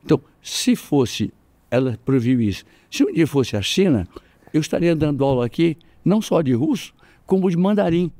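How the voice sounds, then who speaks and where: A man's voice: moderate pace, dry recording. Older Brazilian man telling fight stories. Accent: Brazilian Portuguese. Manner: animated, acts out quoted voices with jumps in pitch. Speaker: interview guest, jiu-jitsu master. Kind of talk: storytelling in casual interview.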